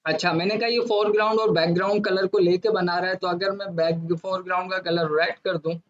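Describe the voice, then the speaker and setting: A man teaching a software design class step by step, asking himself questions and then answering them. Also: high voice, fairly even intonation, highs cut off. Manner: explains step by step with rhetorical questions; says he talks fast to fast-forward. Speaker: design instructor. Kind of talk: screen-recorded software lesson.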